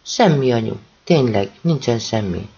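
A man's voice: mid-range voice, lively intonation, warm tone, slightly rough, dull audio. A man voicing a timid, apologetic teenage boy in a spoken story. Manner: hesitant, apologetic.

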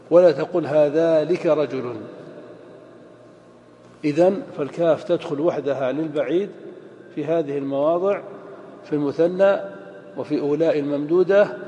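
A man's voice: fairly high pitch, dark tone, slight background noise. Man lecturing in an echoey hall. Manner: slow, deliberate, repeats example phrases. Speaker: grammar teacher. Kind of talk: lecture explaining Arabic grammar.

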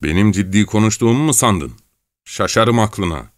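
Gruff, proud tramp as the narrator puts him on, deep and dry. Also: male voice, animated, normal speed, no room sound, lightly acted. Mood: angry. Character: hardened male vagabond, proud and hot-tempered.

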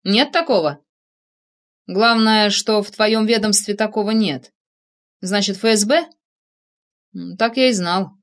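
A woman's voice: mid-range voice, a little slow, pauses often, close to an everyday voice. A woman reading an audiobook, voicing a mocking male thug who sneers at his captive. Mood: sneering.

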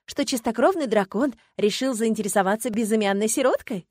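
A woman's voice: fairly high pitch, expressive, quick pace, darkish tone, no echo. A woman voicing a sardonic young female student who answers with dry exasperation. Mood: exasperated. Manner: wry, exasperated.

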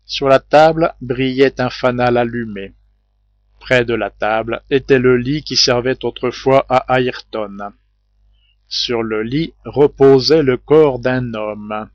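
Slow-reading male audiobook narrator. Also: medium pitch, dry recording. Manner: measured, steady. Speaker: audiobook reader. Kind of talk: scripted narration. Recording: dull, muffled home recording.

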